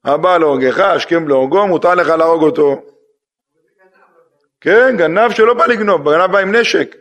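Rabbi giving a lively storytelling sermon. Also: male voice, on the high side. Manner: acts out dialogue in a story, lively questions to the audience.

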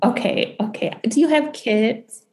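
A woman hosting a podcast and giving an intuitive reading, gentle and halting with many pauses and ums, speaking reassuringly. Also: a little high.

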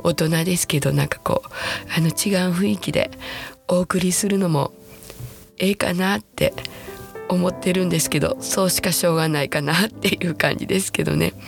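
Husky, hoarse Kansai woman in her sixties. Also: fairly low pitch, faint music behind. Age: 60s. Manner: chatty, self-deprecating, slows to a soft hush at times. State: hoarse from a throat cold. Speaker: podcast host. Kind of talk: casual solo podcast talk.

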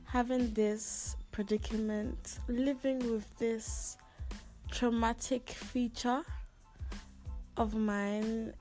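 A woman in her twenties from Ghana, who has lived there six plus years, hosts a casual solo podcast in a voice on the high side but dark in tone, flat and very slow. Faint music sits underneath while she vents to listeners with sassy, slangy, theatrical complaints.

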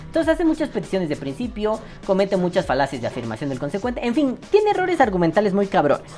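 A man's voice: high-pitched, huge pitch swings, brisk, mellow, soft background music. A Mexican man hosting a casual commentary, crude and sarcastic as he critiques another creator. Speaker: vaping commentary host. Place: at his desk on camera.

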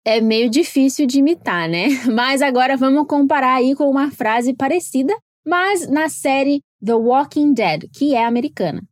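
A woman with a Brazilian Portuguese accent leads a scripted pronunciation lesson. Her voice sits a little high, and she explains patiently, slowing down to model each English word. The sound is dry and close. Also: expressive, no echo. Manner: clear, explanatory, slows down to model English words.

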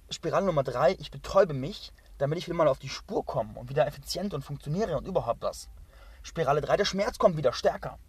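A husky man with a fairly high voice delivers an intense motivational monologue as a spiritual coach. He is emphatic and repetitive, swears freely, and often sinks into hushed, half-whispered passages. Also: no echo.

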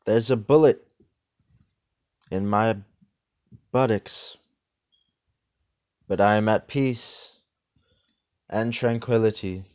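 Slow, soothing deadpan man. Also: on the low side, smooth, muffled recording. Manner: slow, calm, soothing delivery with deadpan repetition. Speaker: host of a parody meditation video. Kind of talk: deadpan parody of a guided meditation.

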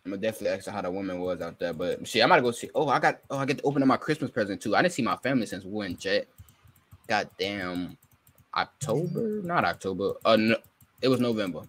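A man's voice: fairly low pitch, expressive, quick pace, fairly bright tone. A young man in his twenties hosting a podcast, teasing and swearing in loose casual banter. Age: 20s. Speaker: podcast host.

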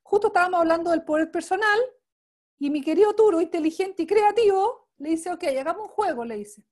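Very high-pitched, animated and fairly quick, a female trainer runs a live online coaching class. She's informal, effusive and emphatic, frequently pausing to ask short check-in questions.

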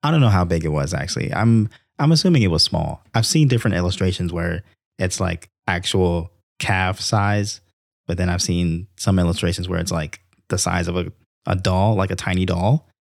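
A young man hosting a Bible reading show, telling the stories in a casual, animated way and acting out the characters' lines. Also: low voice, moderate pace, gravelly, no room sound, clean studio sound. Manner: animated storytelling, acts out quotes; conversational with frequent restarts. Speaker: Bible reading podcast host. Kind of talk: casual devotional commentary.

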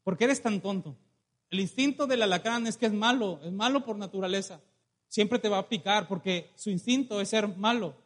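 A man's voice: sits high, a bit bright. A male preacher with a Mexican Spanish accent giving a sermon, telling stories and calling the congregation to say amen. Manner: storytelling, calls for amen, slows on key phrases.

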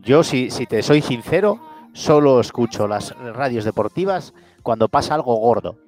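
A man with a Spain Spanish accent, hosting a podcast with quick, joking banter. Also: medium pitch, lively intonation, darkish tone, soft background music. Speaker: podcast host. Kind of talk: casual chat.

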